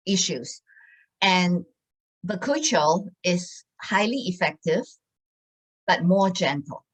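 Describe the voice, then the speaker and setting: Her voice sits on the low side as this woman in her sixties delivers an easygoing sales talk for a wellness program. She stumbles through it with fillers and restarts, and the sound is poor.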